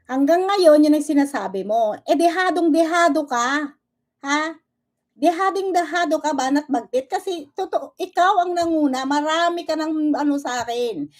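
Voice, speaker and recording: Woman vlogger, high voice, confrontational rant, mixes Tagalog and English, keeps demanding "okay?". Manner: switches between Tagalog and English. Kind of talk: angry reaction rant.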